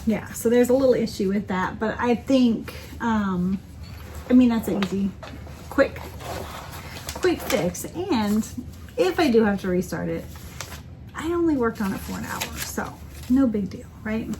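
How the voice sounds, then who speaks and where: Chatty woman with a slightly high voice. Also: animated, unhurried, long pauses, noisy background. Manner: chatty, rambling, self-correcting with many ums. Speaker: cross-stitch vlogger. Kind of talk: casual chat.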